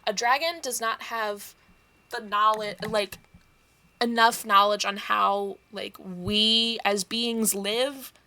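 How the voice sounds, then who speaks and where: A woman casually recapping a tabletop campaign, swearing freely, acting out quoted lines and dropping into quick whispered asides. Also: medium pitch, steady tone, sharp tone.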